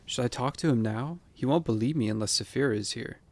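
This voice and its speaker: A man's voice: mid-range voice, fast, a little mellow, natural voice. A man voicing an anxious young farm boy hero in a storybook reading, urgent and pleading. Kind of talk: storybook character voice in an amateur reading.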